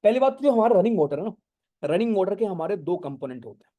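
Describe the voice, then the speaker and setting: A male geography teacher giving an online exam-prep lecture, explaining slowly with many English terms, often checking whether students follow and scolding them for going off topic. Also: high-pitched, big pitch swings, warm tone. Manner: mixes English terms into speech, keeps asking if it is clear. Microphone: no earphones, talking to an online class.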